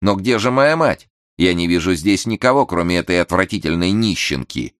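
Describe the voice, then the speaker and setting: A man's voice: low voice, expressive, moderate pace, dry recording, studio quality, voice pushed up. A man voicing a proud young boy with a harsh, scornful way of speaking in a storybook tale.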